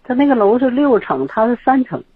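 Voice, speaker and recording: A mature woman calls a radio show over a narrow, tinny phone line. She speaks casually and haltingly. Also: a little high, very animated, slightly rough, dry recording. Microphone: telephone.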